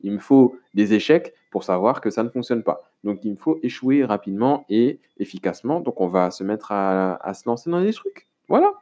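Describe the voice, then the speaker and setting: A man's voice: fairly low pitch, very animated, moderate pace, hardly any pauses, warm tone. A man from France talking alone on his podcast, rambling casually with many fillers and restarts and speaking to the listener informally. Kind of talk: casual solo podcast monologue.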